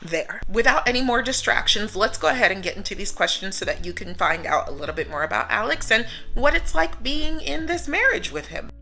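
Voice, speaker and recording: A woman's voice: fairly high pitch, big pitch swings, brisk, gravelly, hardly any pauses, bright, forceful tone. A woman from the United States talking casually to camera in a vlog, chatty and upbeat, laughing often. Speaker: vlogger.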